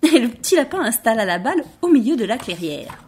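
A woman reading children's tales aloud, expressive and dropping to a hush at tense moments, with a breathy voice. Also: on the high side, fast talker. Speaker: storyteller.

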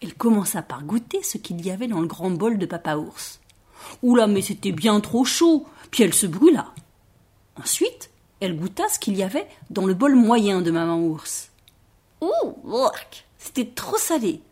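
Storyteller for children, woman, slightly husky, lively sing-song delivery. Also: medium pitch. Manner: expressive, playful, drawn-out words. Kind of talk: children's story read-aloud.

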